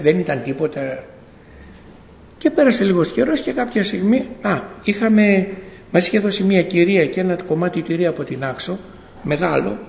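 In a church hall full of long reverb, a middle-aged man shares his faith testimony with the congregation. His gravelly, slightly high voice has a darkish tone, and he acts out dialogue and keeps correcting himself as he tells it, with a little hiss or hum in the recording.

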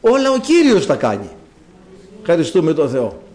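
A man delivering a sermon with a somewhat high voice that swings widely up and down. He preaches with fervor and speaks directly to his listeners. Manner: animated preaching that addresses the congregation directly.

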